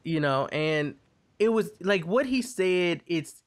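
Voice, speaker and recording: A man's voice: sits high, takes it slowly. A man hosting a podcast, casually reviewing a TV episode and acting out characters' quoted lines as he retells it. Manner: animated storytelling, acts out quoted lines. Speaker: podcast host.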